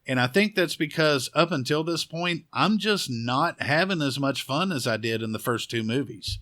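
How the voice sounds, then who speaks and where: A man's voice: a little high, animated, moderate pace, pushed and bright. A man recapping a horror movie scene by scene with sarcastic, crude humor. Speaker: horror film reviewer. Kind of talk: profane comedic movie recap.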